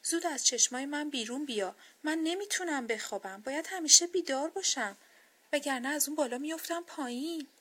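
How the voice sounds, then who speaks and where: A woman's voice: sits high, fairly bright tone, pitched above the performer's own voice. A woman voicing an upset rabbit from a picture frame in a children's storybook, pleading and insistent.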